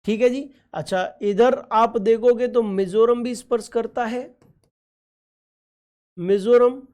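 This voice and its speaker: Female exam-prep teacher, slightly high voice, affectionate and repetitive, quizzes her class over a map. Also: dark tone. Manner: affectionate, addresses students as children; repeats and quizzes, frequent "okay ji" check-ins. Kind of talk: online geography lesson over a map.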